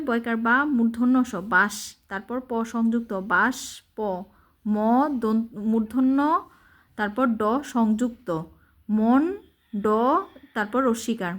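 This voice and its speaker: A woman leads a reading lesson, sounding out words slowly. She spells each word letter by letter, then joins the pieces back together. Her voice sits a little high for a woman. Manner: patient, slow, breaks words into letters and syllables. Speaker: reading teacher.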